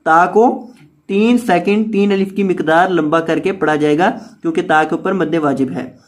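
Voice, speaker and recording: A Quran teacher with a Pakistani Urdu accent who spells out letters and vowel marks one by one and then chants each verse slowly and melodically. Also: mid-range voice. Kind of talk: tajweed lesson, spelling word by word.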